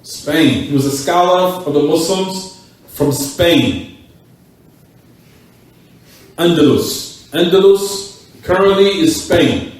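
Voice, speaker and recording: A man's voice: fairly high pitch, slow, pauses often, distant mic. A man teaching a class in a mosque, repeating key words and putting questions to his students. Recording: echoey room, voice from off the mic.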